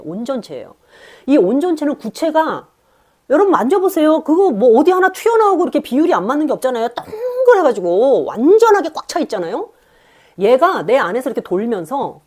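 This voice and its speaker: A woman lecturing with a fairly high voice that swings up and down. She tells her own story and acts out the inner voices she describes in quick little scenes. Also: darkish tone. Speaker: lecturer on Jungian psychology. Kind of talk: spirited lecture with personal stories.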